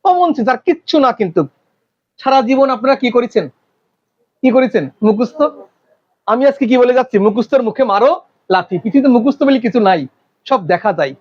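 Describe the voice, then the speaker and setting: A male teacher giving a classroom lecture, constantly quizzing his students with quick questions. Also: very high voice, expressive, lo-fi sound.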